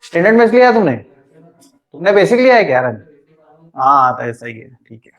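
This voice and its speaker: A middle-aged male math teacher, running an online lesson. His voice sits high for a man, and he keeps up a chatty, teasing banter with his students between the formulas. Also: sing-song, brisk. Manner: joking, chatty, teases students by name. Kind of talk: online class lecture.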